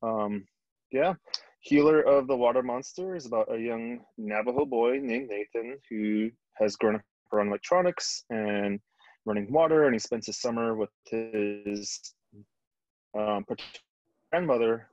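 A man from Arizona introducing himself as an author, relaxed and laughing easily, on a video call. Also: on the low side, no room sound, highs cut off. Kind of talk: casual self-introduction.

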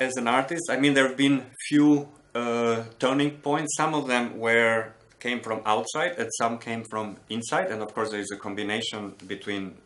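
A man in his forties from Albania, a native Albanian speaker, reflecting as an artist in an interview. He speaks thoughtfully with many pauses, fillers and restarts. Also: medium pitch, a bit bright, a little hiss or hum. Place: home studio with bookshelves, indoors.

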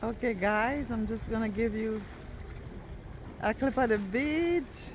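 A noisy crowd surrounds this travel vlogger, whose slightly high voice moves slowly as she chats casually and eagerly, often exclaiming. Outdoors at a seaside beach with rocks, she films on a handheld camera she holds, capturing outdoor noise and lapping water.

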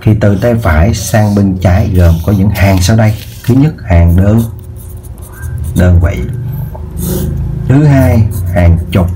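A man's voice: fairly low pitch, slow pace, long pauses, music in the background. A man teaching a math lesson in a casual way, often repeating words and checking in with his viewers. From southern Vietnam. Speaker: math tutor. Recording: faint background noise.

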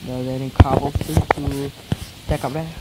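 Heavy background noise surrounds this medium-pitched male voice, delivered flatly at normal speed. A fourteen-year-old boy, still weak-voiced after a recent illness, chats through mobile game commentary in a casual let's-play, rambling and restarting often.

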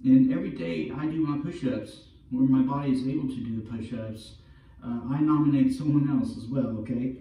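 A man's voice: mid-range voice, a little fast, highs cut off. A middle-aged man talking casually and informally to a distant camera in an empty room, as a vlogger. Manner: informal, peppers talk with "look" and "all right". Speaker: vlogger and veterans' awareness campaigner. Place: empty carpeted room indoors. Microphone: far camera. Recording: roomy echo, distant camera mic.

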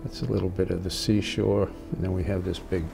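An older man giving a casual watercolor tutorial as a gentle, encouraging, unhurried painting instructor. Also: sits low, level tone, vocal fry.

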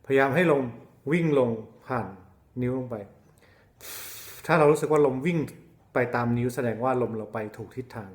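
Guy teaching flute slowly, patient, keeps checking in, echoey room. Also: medium pitch. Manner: patient, repeats points with short check-ins. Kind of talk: step-by-step instrument lesson. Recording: roomy echo.

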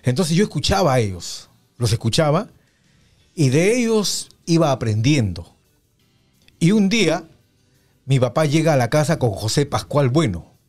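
A middle-aged radio announcer, reminiscing in an unhurried, reflective way, with frequent pauses and fillers. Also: male voice, fairly high pitch, big pitch swings, darkish tone, soft background music. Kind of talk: casual reminiscing conversation.

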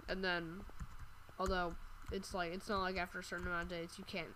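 A woman's voice: fairly low pitch, little pitch movement, a little fast, noisy background. Groggy young woman rambling over gameplay. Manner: rambling, offhand, swears casually. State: groggy, just woke up. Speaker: gameplay commentator. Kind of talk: casual let's-play commentary.

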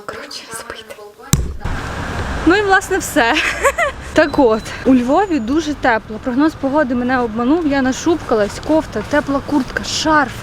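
Young woman, playful walking vlogger; slightly high voice, handheld phone outdoors, faint city noise. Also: lively intonation, normal speed. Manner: chatty, playful, jokey asides to camera. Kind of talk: casual walking vlog. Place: outdoors on city streets and in a park. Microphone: handheld phone at arm's length.

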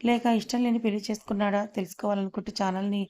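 Mellow, even-voiced woman telling a story. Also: mid-range voice, quick pace. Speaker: audio story narrator. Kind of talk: scripted first-person story narration.

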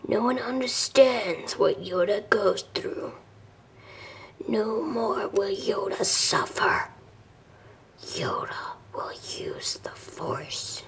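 A woman puts on a small, old toy villain for a homemade puppet show. The voice is a creaky whisper, drawn out very slowly with theatrical menace. It sounds sly and vengeful. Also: medium pitch, lively intonation. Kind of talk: amateur toy puppet skit.

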